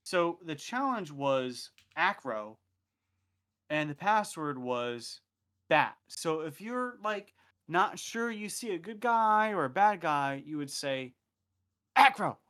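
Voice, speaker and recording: Animated, profane male storyteller. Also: a little high, takes it slowly, clear, resonant tone. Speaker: podcast guest recounting field exercise. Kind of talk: casual storytelling.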